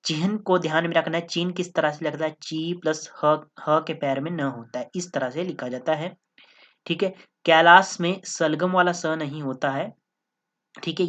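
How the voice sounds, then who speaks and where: A woman teaching an exam-prep grammar lesson, explaining step by step and often checking in with her listeners. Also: low-pitched. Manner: explanatory, repeats "ठीक है" and "दोस्तों".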